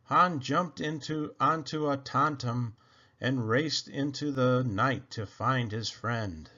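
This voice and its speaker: Reading slowly in a bright, forceful, medium-pitched voice, a storybook reader delivers a children's adventure tale from a script, giving key phrases dramatic weight. The recording has a dull, lo-fi sound.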